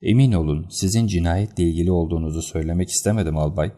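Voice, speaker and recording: A man reading the lines of a calm, confident detective in an audiobook, in a cool and unruffled manner. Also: low voice, racing.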